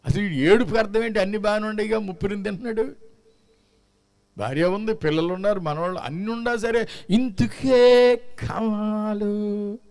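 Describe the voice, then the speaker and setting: A man's voice: high voice, fast, dry recording. A male pastor preaching a sermon, scolding and mocking his listeners with one rhetorical question after another.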